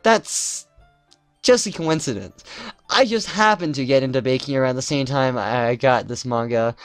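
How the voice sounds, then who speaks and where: A man's voice: mid-range voice, normal speed, no room sound, soft background music, natural voice. A man reading aloud and voicing a prickly, embarrassed teenage girl who answers with snappy, defensive retorts.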